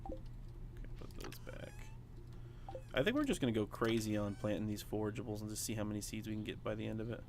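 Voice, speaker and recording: A man's voice: lowish voice, sing-song, quick pace, pauses often, darkish tone, slight background noise. A man streaming a farming game, chatting casually with viewers and using lots of fillers. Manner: chatty, talks to viewers while playing, many fillers. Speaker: gaming streamer. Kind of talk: casual let's play chat.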